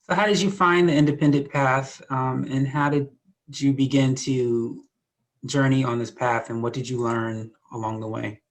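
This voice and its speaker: A woman's voice: extremely low pitch, fairly even intonation, normal speed. A woman hosting a music interview show, reading a scripted introduction and asking questions in an announcer-like way. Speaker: host.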